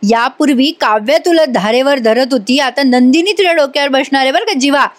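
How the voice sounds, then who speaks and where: A woman voicing an older man, a teasing uncle, speaking slowly and drawing out his warnings. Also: high voice, lightly acted. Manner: slow, drawn-out, teasing. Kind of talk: voice-over retelling of a TV serial.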